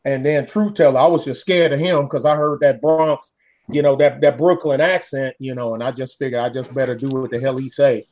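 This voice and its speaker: A man chatting casually in a folksy, halting way, often repeating words as he goes. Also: mid-range voice, steady tone, darkish tone. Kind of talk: casual chat.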